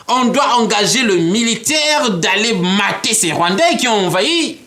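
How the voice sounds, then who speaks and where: A man, a guest in an interview, explaining a political model in an animated way and often laughing. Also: sits high, a little slow. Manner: animated, acts out imagined dialogues, laughs often.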